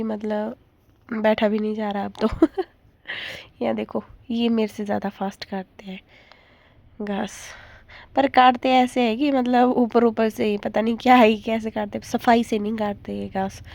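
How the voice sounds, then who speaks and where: A woman's voice: fairly high pitch, level tone, a little slow, vocal fry, darkish tone, no echo. A young woman narrating her day for her vlog in a chatty, rambling way, laughing now and then. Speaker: vlogger.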